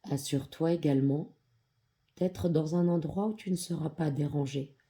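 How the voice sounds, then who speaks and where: An androgynous, mid-range voice guides a yoga nidra meditation, offering soft instructional narration. The delivery is calm, soothing, and measured, with long pauses.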